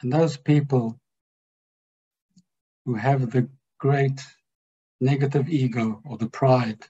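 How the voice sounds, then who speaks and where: A man giving a slow, measured spiritual teaching to a group, stressing key words. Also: mid-range voice, fairly even intonation, dark tone, breathy edge, dull audio. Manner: slow, measured, emphatic delivery.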